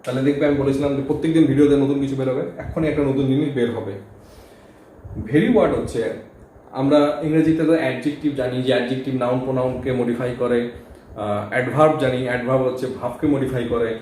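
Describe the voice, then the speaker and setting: Teacher in a very echoey room. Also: male voice, mid-range voice, steady tone, quick pace, a little mellow. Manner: explains step by step, often checks understanding with "okay?". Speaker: English grammar teacher. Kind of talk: board lesson explaining grammar. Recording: very echoey room, faint background hum.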